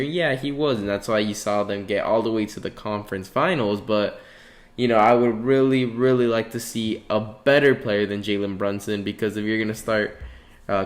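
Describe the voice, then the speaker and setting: A young man hosting a casual sports predictions video, rambling, correcting himself and dropping offhand sarcasm. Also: lowish voice.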